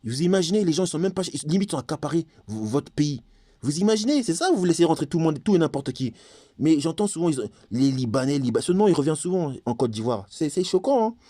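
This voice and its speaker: A man's voice: on the high side, big pitch swings, fast talker, dark tone, dry recording, clean studio sound. Heated man ranting. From Congo. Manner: heated, insistent, repeats phrases, often talks straight to viewers. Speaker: YouTuber. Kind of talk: ranting monologue to camera.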